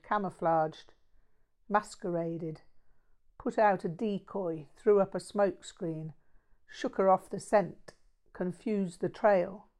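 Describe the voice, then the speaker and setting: A woman's voice: fairly low pitch, a little mellow. A woman voicing a mild, erudite, earnest Buddhist man in an audiobook story, speaking in a precise, bookish way. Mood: deliberate, wry.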